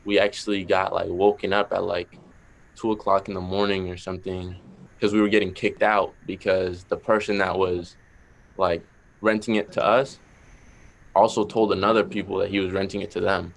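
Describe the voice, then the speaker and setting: In a relaxed interview, a young Boston-accented rapper talks at an even pace in a low-pitched, flat voice with some vocal fry. His answers ramble loosely and are filled with filler words.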